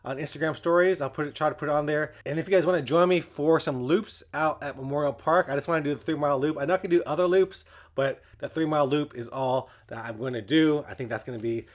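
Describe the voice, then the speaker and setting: Guy doing a laid-back chatty vlog update, voice a bit on the high side. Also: quick pace. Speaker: running vlogger and channel host. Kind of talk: casual chat to viewers.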